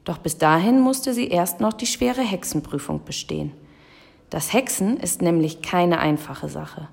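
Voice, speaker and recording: Gravelly, low-voiced woman storyteller. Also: a little slow. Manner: lively storytelling. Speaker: narrator. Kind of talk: children's audiobook narration.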